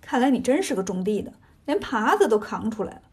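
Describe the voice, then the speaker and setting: A woman voicing a boastful male monkey king who teases and swaggers, with a husky voice. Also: fairly high pitch, sing-song, fast, exaggerated voice. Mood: teasing. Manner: teasing, swaggering.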